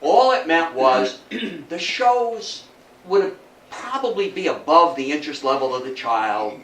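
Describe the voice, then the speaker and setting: Unhurried and expressive, an older lecturer offers an informal history talk to listeners in an indoor room, folksy and full of rhetorical questions. His voice is fairly high and fairly bright. The recording has a roomy, distant-mic quality and faint noise.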